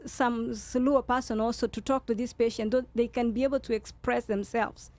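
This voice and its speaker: Kenyan-accented woman, fairly high voice. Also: fairly even intonation, normal speed, darkish tone. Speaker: guest speaker, nurse leader. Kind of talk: talk show discussion.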